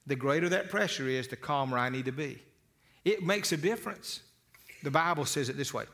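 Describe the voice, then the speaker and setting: Folksy, bright-voiced male motivational speaker. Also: fairly high pitch, brisk. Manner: folksy, with repeated word restarts; storytelling with lively asides. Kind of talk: motivational talk to an audience.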